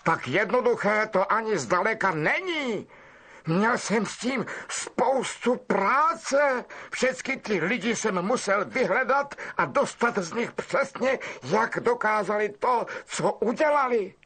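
A preening middle-aged wizard professor, put on by a male reader, speaks high and bright with a lively, swooping line. He draws his words out slowly and smugly, sounding set apart from the narrating voice. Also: breathy edge, exaggerated voice. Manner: affected, drawn-out, self-pleased.

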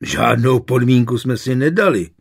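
A man doing a gruff dried-up old father. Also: medium pitch, sing-song, no echo, clean studio sound. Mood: irritable. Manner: gruff, irritable.

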